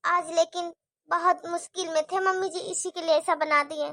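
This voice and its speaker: A woman's voice: extremely high pitch, fairly even intonation, normal speed, dry recording, studio quality, exaggerated voice. Woman voicing a weary, put-upon young wife. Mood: pleading. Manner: pleading, defensive, soft complaining. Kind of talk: cartoon story voice acting.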